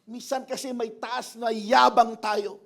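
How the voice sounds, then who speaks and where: A man preaching to a church congregation in a lively, mixed Filipino-English sermon. His voice sits high for a man. He swings between soft, measured storytelling and sudden shouts, and he acts out the quotes he tells. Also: vocal fry. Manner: animated, shouting, laughing, acting out quotes.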